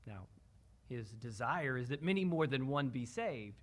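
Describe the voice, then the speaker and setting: A man serving as pastor, giving a memorial service address in a church in a gentle, measured way with light humor. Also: medium pitch, lively intonation. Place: church sanctuary.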